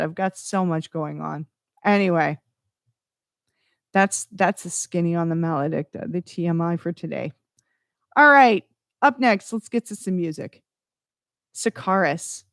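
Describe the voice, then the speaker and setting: Female radio host, unhurried, dry studio sound, casual self-deprecating patter. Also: medium pitch, dry recording. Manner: chatty, self-deprecating, drawn-out emphasis.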